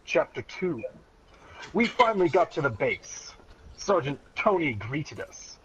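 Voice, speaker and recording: A man's voice: on the high side, big pitch swings, measured pace, fairly bright tone. A man reading a story aloud in a mock-serious, dramatic way, often close to breaking into laughter. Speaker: reader of a childhood story. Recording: dull lo-fi sound, clear background noise.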